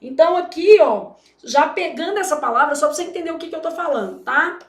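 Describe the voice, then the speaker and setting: A Brazilian woman teaching a grammar lesson in a high voice. She talks emphatically and with theatrical flair, often checking in with the class. The sound rings in a roomy echo. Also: lively intonation, fast. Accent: Brazilian Portuguese. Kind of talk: exam-prep grammar lesson.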